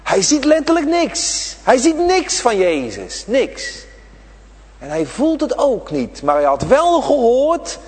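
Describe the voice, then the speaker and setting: A man preaching to children in a church, his voice set high and swinging widely up and down. He speaks slowly and emphatically, repeating short phrases as he addresses the young listeners. The voice is slightly husky and rings with a long reverb from the church. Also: a little mellow. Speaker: pastor. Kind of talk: children's sermon on prayer day.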